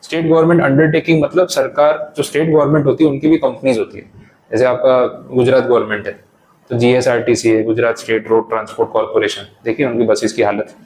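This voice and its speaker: A man's voice: mid-range voice, flat delivery, fast talker, a little mellow, a little hiss or hum, rough recording. Man explaining step by step in class. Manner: explains step by step in mixed Hindi and English. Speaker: tax lecturer. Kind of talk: classroom lecture.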